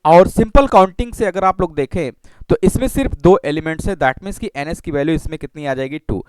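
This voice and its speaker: A man teaching a maths lesson. He explains slowly, repeats himself and keeps checking in with "okay" and rhetorical questions. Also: fairly high pitch, animated, darkish tone, smooth, no room sound. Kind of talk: classroom lecture.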